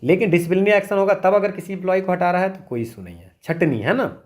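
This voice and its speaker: A man's voice: sits high, fast talker. A man teaching an exam revision lecture, explaining step by step, asking rhetorical questions and checking in often with tag questions. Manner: frequent tag questions like "है ना" and "ठीक है".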